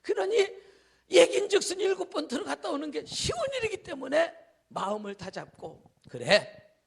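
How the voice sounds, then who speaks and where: A male pastor preaching an evening revival sermon, telling a story dramatically, acting out characters, shouting and dropping to whispers. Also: very high voice, very animated, normal speed, creaky. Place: church hall.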